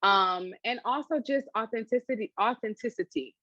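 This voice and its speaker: A woman talking casually in an interview, animated and chatty, laughing often and filling her sentences with "you know" and "um". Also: a little high, moderate pace, no echo, highs cut off. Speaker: interviewee, food channel creator.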